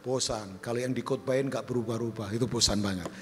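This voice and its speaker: A male pastor preaching a sermon, animated and humorous, jumping high for questions and quoted voices and dropping low and soft for appeals. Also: fast talker. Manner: humorous storytelling with asides to the congregation. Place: large church hall. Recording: long hall reverb.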